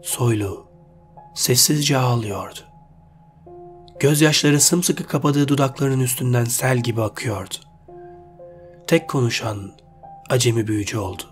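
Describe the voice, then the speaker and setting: Man reading a story over soft music. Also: mid-range voice, a little slow, pauses often. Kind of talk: reading a short story aloud.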